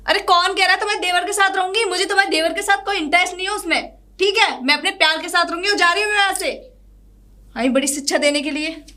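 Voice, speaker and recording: A woman's voice: very high-pitched, fast talker, bright, forceful tone. A woman playing a defiant young pregnant wife who retorts and confronts her lover in a family drama. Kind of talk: hobby family drama acting.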